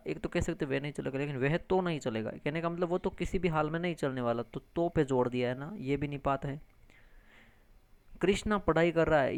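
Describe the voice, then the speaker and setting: A man teaching an exam-prep grammar lesson in a fairly high, gravelly voice that still sounds smooth and clear. He walks through each answer step by step, asks himself questions and answers them, and keeps checking in with his listeners. The recording is dry and close. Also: no echo. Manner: addresses viewers as friends, frequent tag questions.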